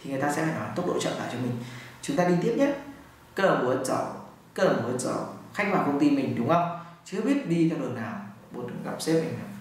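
A man teaching a language lesson, saying each phrase slowly several times before explaining it with everyday examples. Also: a little high, very animated. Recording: echoey room, far from the mic.

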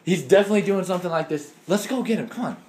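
A man's voice: high-pitched, lively intonation, rapid-fire, a little mellow, husky. A young man acting in an amateur found-footage horror short, rambling nervously and repeating himself. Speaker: student actor in a homemade horror short.

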